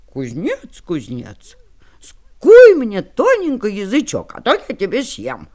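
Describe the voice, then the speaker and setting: Storybook wolf, woman reading, slow, drawn-out, loud, menacing. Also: a little high, very animated. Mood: threatening. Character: gray male wolf, big, menacing. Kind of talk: storybook read-aloud.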